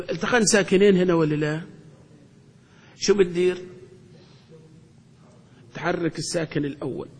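A man's voice: high voice, vocal fry. A man teaching a grammar lesson as a sheikh, asking his students questions and repeating key phrases. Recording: long hall reverb.

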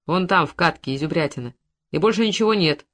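A reader voicing an evasive rural man caught out, answering tersely in a lowered, reluctant voice. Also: expressive, fast talker, fairly bright tone, natural voice.

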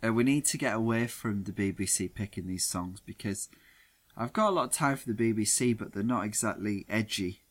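A man with a fairly low voice co-hosts a casual chat. He jokes dryly and keeps the segments moving. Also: brisk. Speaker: podcast co-host.

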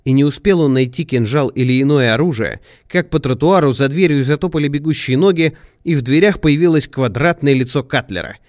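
A man reading a detective story aloud in measured, expressive narration. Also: a little high, dry recording, studio quality. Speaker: audiobook narrator. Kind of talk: scripted narration.

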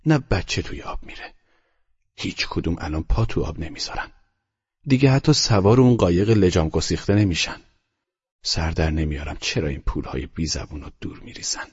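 A man's voice: deep voice, expressive, a little mellow, breathy edge, dull audio, exaggerated voice. A man voicing a fretful, resentful young housemaid in an audiobook, complaining and agitated. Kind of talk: audiobook character reading.

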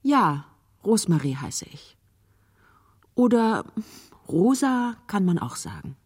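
A plain-spoken young fiancée. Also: female voice, mid-range voice, very animated, slow, a little mellow, husky, big-room sound, heavily acted. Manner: plain, matter-of-fact. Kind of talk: radio play acting.

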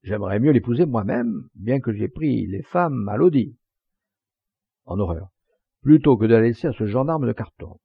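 A man doing a gruff old countryman, husky. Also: mid-range voice, lively intonation, moderate pace, no echo. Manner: rambling, folksy. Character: old southern French countryman, loyal, gruff. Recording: dull lo-fi dry recording.

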